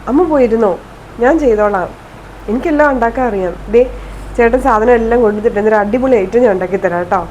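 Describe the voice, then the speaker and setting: An eager, show-off new bride insists on helping in a bubbly voice, as a woman puts her on. Her pitch is fairly high. A faint hiss sits under the recording. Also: quick pace, a little mellow, muffled recording, close to an everyday voice.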